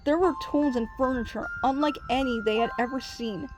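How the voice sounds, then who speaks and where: Brief: woman reading a storybook, gentle narration, slightly high voice, music playing under. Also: a little fast, low-quality recording. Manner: gentle, even read-aloud narration. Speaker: storybook reader. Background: soft music.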